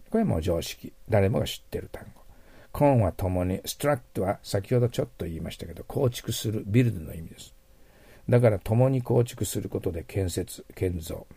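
A man's voice: on the low side, vocal fry, dark tone, breathy edge, no echo. A man teaching English vocabulary in a patient lecture, explaining word roots and checking in with his students as he goes. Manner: patient, repeats words, checks in with "ne" and "hai".

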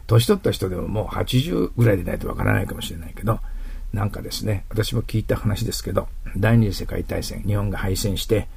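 Male English teacher, lowish husky voice, patient explainer, stretches out example phrases slowly. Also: a little mellow. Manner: patient, explanatory, asks learners to repeat. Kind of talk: grammar lesson.

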